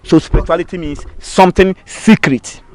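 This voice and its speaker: This high-voiced man speaks at normal speed, and the recording carries no room sound. Being interviewed as a babalawo spiritual practitioner, he has a Ghanaian accent, grew up speaking Twi, and explains with emphatic repetition like a teacher.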